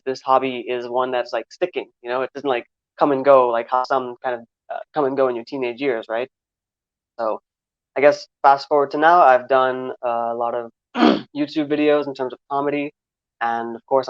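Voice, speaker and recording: A man's voice: medium pitch, no room sound. A man in his twenties from Trinidad with a New York accent, answering interview questions in a rambling way, with many fillers and restarts. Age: 20s. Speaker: guest filmmaker. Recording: slightly dull, dry recording.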